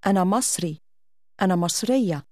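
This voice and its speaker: A woman with an Egyptian Arabic accent, modelling phrases in a pronunciation drill with careful, clearly articulated repetitions. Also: medium pitch, lively intonation, fairly quick, darkish tone, dry recording, clean studio sound. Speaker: native speaker model in a language course.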